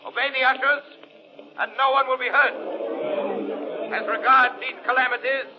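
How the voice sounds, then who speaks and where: High-pitched, commanding mysterious Shadow. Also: male voice, level tone, normal speed, highs cut off, crowd noise, background noise. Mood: urgent, commanding. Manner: theatrical, solemn, commanding. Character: mysterious invisible male avenger, commanding and ominous. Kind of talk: 1930s radio acting. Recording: band-limited old 1930s radio recording.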